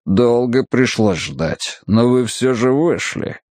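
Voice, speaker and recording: A calm male henchman voiced by a man in an audiobook lays out threats in an unhurried, matter-of-fact way, with a mocking edge. The sound is close and dry, with no room around it. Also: mid-range voice, dry recording.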